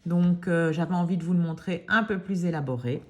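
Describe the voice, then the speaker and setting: Une femme qui anime un tutoriel de nail art et explique calmement chaque étape, avec des hésitations naturelles. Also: female voice, fairly low pitch. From Belgium. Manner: calm, unhurried, explains each step softly. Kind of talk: casual step-by-step demonstration.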